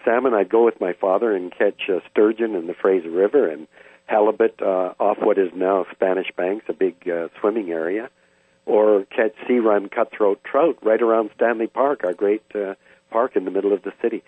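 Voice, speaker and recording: An older man from Canada, thoughtfully reminiscing about his childhood with frequent pauses and hesitations. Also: lowish voice, husky, dry recording. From Vancouver, Canada. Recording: dry, tinny phone-like sound.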